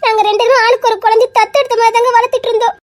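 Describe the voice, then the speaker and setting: A timid young wife, acted by a woman, sobs through her lines in a Tirunelveli Tamil accent. Her voice sits extremely high, hesitant and small. This is web-series drama acting. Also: flat delivery, rapid-fire. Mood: tearful. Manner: sobbing, hesitant.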